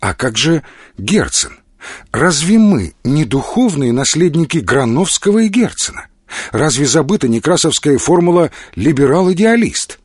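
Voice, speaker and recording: A man's voice: on the high side, big pitch swings, husky, no room sound, studio quality, voice pushed up. Arkady, a man reading a prim earnest young liberal. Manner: measured, dignified, precise. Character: earnest pompous young male mathematician liberal.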